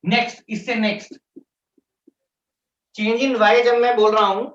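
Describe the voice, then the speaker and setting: Echoey, distant economics teacher. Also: male voice, high voice, level tone, fairly bright tone. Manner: explains step by step, repeats key terms slowly. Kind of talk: classroom lecture mixing Hindi and English. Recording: echoey room, distant mic, dull sound.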